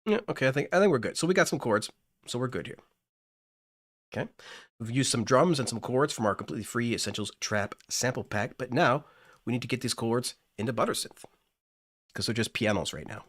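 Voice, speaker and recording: A man's voice: medium pitch, fairly quick. A man hosting a casual weekly music-making livestream, upbeat, thinking aloud as he works and thanking viewers. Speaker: livestream host. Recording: loud synth music over the voice.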